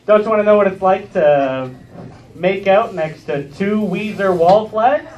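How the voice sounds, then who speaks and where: A man's voice: sits high, measured pace, darkish tone, a little hiss or hum. A man in his late twenties performing a live stand-up set, self-mocking and chatty with the crowd. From Ontario, Canada. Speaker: stand-up comedian. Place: comedy club stage with a live audience. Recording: distant, muffled club recording.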